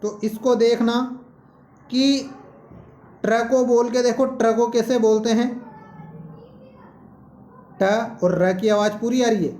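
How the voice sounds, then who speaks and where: A male teacher, explaining a lesson slowly and posing questions to students. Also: extremely high pitch, steady tone, warm tone, echoey room. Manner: slow, explanatory, asks questions. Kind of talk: classroom-style lesson.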